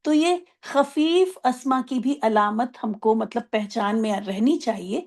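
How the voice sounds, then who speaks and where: A woman teaching an online Arabic grammar class, explaining patiently, asking if everyone follows, and drawing out example words slowly. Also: on the high side, a little mellow. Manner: explains patiently, asks checking questions.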